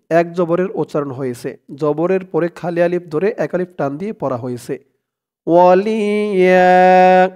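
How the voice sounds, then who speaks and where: A man teaching scripture reading, chanting verses in long drawn-out tones and asking viewers to repeat after him. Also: on the high side, mellow. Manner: slow drawn-out chanting of verses, quick spoken explanations between. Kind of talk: recitation lesson.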